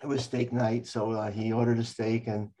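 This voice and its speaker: A man's voice: medium pitch, level tone, normal speed, mellow. An older man telling stories in an oral history interview, rambling with many restarts. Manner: rambling storyteller, frequent restarts.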